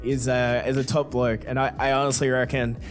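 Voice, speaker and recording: A man's voice: medium pitch, level tone, brisk, faint music behind. Blunt, crude young man. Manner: crude, blunt, joking, frequent swearing. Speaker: YouTuber answering fan questions. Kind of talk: casual Q&A.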